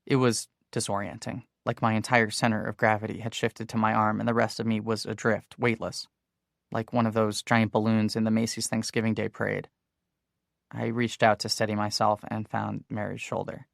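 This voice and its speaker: Male audiobook narrator, gravelly, mid-pitched, dry close read. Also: flat delivery, normal speed, no echo. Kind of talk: first-person audiobook narration.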